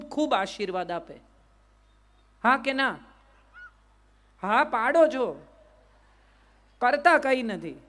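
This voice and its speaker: A middle-aged woman, giving a motivational talk to a live audience and often asking them to answer yes or no. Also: high-pitched. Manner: questions the crowd and asks them to answer yes or no. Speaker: motivational speaker.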